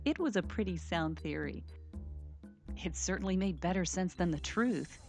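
A woman's voice: lowish voice, animated, moderate pace, music in the background. An actress playing a level-headed woman detective who narrates her case in an audio drama.

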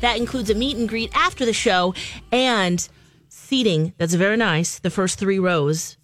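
A woman's voice: mid-range voice, unhurried, fairly bright tone, no room sound, soft background music. A woman co-hosting a radio show with casual banter in a studio.

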